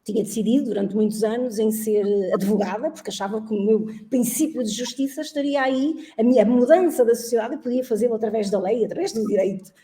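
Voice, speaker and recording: Warm-voiced woman, earnest and reflective. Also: fairly high pitch, fast, hardly any pauses. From Angola. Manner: earnest, reflective, laughs often. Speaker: guest, social entrepreneur and teacher. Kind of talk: interview conversation.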